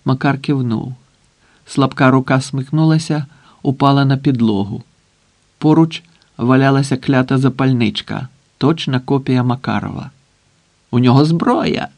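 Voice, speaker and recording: A man narrating an audiobook in a measured, dramatic way with long pauses. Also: medium pitch, vocal fry, no echo.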